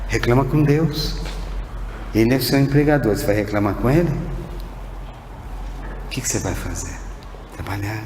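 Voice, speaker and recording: A Brazilian man giving a spiritist lecture, posing one rhetorical question after another and sometimes speaking softly to a single listener. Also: medium pitch, expressive, moderate pace, pauses often. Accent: Brazilian Portuguese. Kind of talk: sermon-like lecture. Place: spiritist center hall. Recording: echoey hall with faint background noise.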